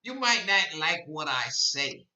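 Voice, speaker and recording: A man in his eighties hosts a rambling live-stream podcast monologue, repeating himself and growing impassioned. His somewhat high voice is very bright and cutting, very animated, and measured in pace. He sounds far from the mic in an echoey space, on a dull lo-fi recording.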